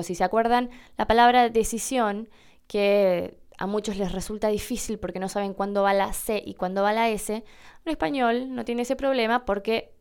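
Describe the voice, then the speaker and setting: A woman hosts a lesson. Her voice is smooth and clean at a middle pitch. She explains patiently with a wry edge. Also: a little mellow. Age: 20s. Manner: patient, wry, with slowed demonstration words. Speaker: Spanish teacher and podcast host.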